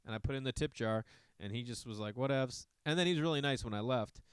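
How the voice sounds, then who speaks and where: A man's voice: medium pitch, rapid-fire, clean tone, no room sound, clean studio sound. A middle-aged man from Massachusetts hosting a podcast, rambling casually with profane asides to his listeners. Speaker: podcast host. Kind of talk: casual monologue.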